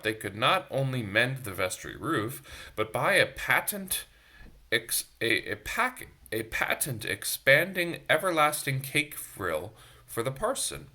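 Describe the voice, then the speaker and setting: A man with a medium-pitched, sharp-toned voice reads a picture book aloud expressively to children as a church storytime reader, adding chatty asides to his young listeners. It's recorded on a phone.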